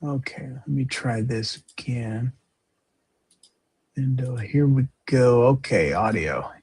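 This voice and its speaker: Husky-voiced man hosting a chatty podcast. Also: medium pitch, darkish tone. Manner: quick, chatty, sharing screen clips. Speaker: podcast host. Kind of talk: casual live panel chat.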